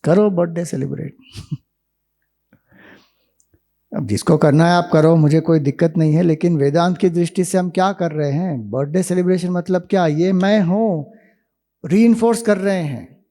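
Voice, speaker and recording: A man giving a spiritual discourse, explaining ideas slowly with rhetorical questions to listeners in a hall. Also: fairly high pitch, mellow. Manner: slow, deliberate, rhetorical questions. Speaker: spiritual teacher. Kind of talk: Vedanta discourse to youth camp.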